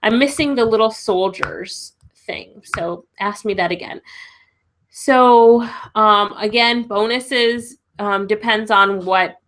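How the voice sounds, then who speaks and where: With a mid-range, fairly bright voice, a woman speaks slowly as she hosts a live webinar Q&A as a business coach. She has a cold and a stuffy nose but stays chatty and encouraging, often laughing.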